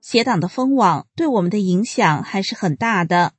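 A woman reading a published article aloud in a measured, even, announcer-like delivery. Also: mid-range voice, soft background music. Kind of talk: scripted reading.

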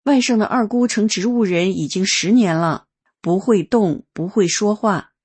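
A woman reads a first-person testimony aloud in an earnest, unhurried way. Her voice is mid-pitched and a little husky, and she tells the story calmly.

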